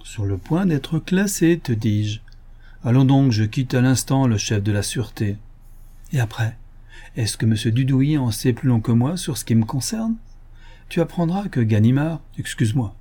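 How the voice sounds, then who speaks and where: A man voicing a suave, mocking gentleman burglar in an audiobook, ironic and self-assured, with a mellow, husky voice. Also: medium pitch, animated, moderate pace, lightly acted. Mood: amused.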